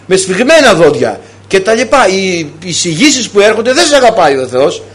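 A man with a notably high voice preaches, throwing out one rhetorical question after another. He acts out little conversations as he speaks, switching voices to make his point. It is a lively, pastoral way of talking. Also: husky. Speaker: priest. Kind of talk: sermon.

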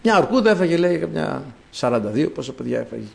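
A man's voice: a little high, very animated, gravelly, darkish tone. A man preaching a sermon, explaining words to the congregation and calling out quoted lines in a raised voice.

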